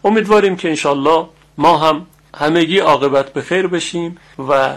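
A middle-aged man with a slightly raised voice gives a religious lesson on recitation. He speaks slowly and deliberately, repeating words carefully so listeners can copy their sounds. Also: fairly high pitch. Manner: slow, deliberate, repeats Arabic words to model pronunciation. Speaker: Quran recitation teacher.

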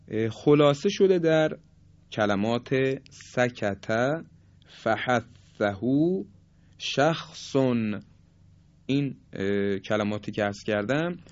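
A middle-aged man teaching a recitation lesson at an unhurried pace, pausing to stretch out each example sound. His voice sits at an ordinary pitch, and the recording is slightly muffled and lo-fi. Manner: slow, deliberate, drawing out example sounds; polite formal address to listeners. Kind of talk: Tajweed lesson, explaining letter qualities.

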